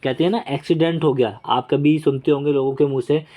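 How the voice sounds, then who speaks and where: Man with a slightly high voice, casual exam vocab teacher, chatty and self-deprecating, close mic. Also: fairly even intonation, a little fast, mellow. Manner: chatty, repeats key words and checks in with "okay?"; self-deprecating while drawing on screen. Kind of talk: casual Hindi-English exam lesson with mnemonics.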